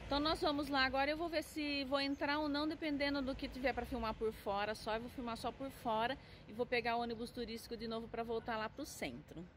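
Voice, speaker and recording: A woman's voice: on the high side, fairly even intonation, quick pace, few pauses. A middle-aged Brazilian woman with a Brazilian Portuguese accent, chatting enthusiastically to her viewers in a casual travel vlog. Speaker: travel vlogger. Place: outdoors on city streets. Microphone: handheld camera at arm's length. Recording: street traffic noise behind.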